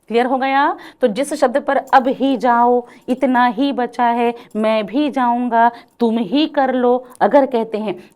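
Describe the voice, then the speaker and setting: This female teacher, on the high side in pitch, gives a grammar lecture for exam prep. She keeps calling students "beta," asks often if it's clear, and stretches out example lines at a slow pace.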